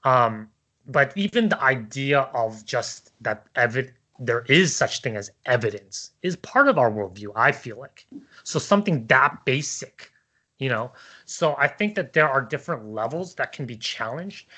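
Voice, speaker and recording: Medium-pitched and expressive, this man's voice sounds pushed and bright at a measured pace. In a relaxed back-and-forth debate he reasons aloud haltingly and discursively, often asking tag questions to see if others agree.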